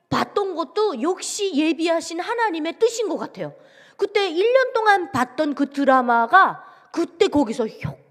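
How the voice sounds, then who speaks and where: A woman from North Korea giving a storytelling testimony as guest speaker at a church, acting out the dialogue as she goes. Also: high voice. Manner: vivid storytelling, acts out quoted dialogue. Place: large church sanctuary. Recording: long reverb of a church hall.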